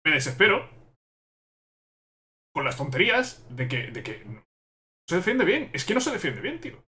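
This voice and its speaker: A young man commentates live on his football management game. He gets exasperated and repeats the same questions over and over. His voice is bright and tense and sits a little high. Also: huge pitch swings, normal speed. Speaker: gaming YouTuber.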